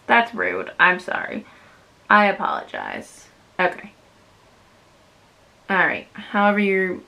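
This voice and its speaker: Bright-voiced chatty young woman. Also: fairly low pitch. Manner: chatty, self-deprecating, lots of fillers. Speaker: beauty vlogger. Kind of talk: casual makeup review.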